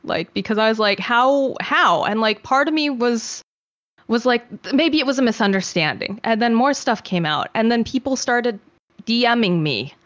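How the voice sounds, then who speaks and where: A woman's voice: a little high, animated, normal speed, no echo. Woman talking real candid, lots of likes and um, kinda muffled dry audio. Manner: candid, frequent fillers, voices her past self in quotes. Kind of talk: candid conversation.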